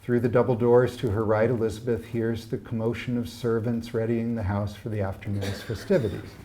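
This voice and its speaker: A man giving a literary reading of his own novel at an evening event, in a measured, expressive storytelling manner. His voice is fairly low and mellow, with a warm, unhurried quality. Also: slight background noise.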